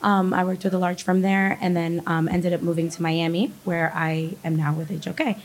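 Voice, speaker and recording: A woman senior interior designer with a strained voice, introducing herself haltingly on a panel. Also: on the low side, little pitch movement. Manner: hesitant, halting with ums. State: voice strained from being unwell.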